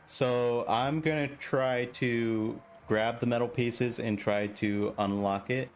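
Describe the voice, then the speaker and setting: A man's voice: mid-range voice, fairly even intonation, takes it slowly, a little hiss or hum. A man playing a tabletop role-playing game, joking around in casual chat. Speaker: player.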